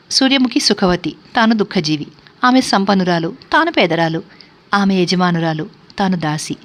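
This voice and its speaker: A woman storyteller narrating a classic novel in a steady, measured reading voice. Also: medium pitch.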